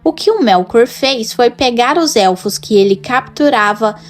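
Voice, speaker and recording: Slow, higher-pitched Brazilian woman narrating. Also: expressive. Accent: Brazilian Portuguese. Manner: measured, dramatic storytelling. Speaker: lore channel host. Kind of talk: scripted narration.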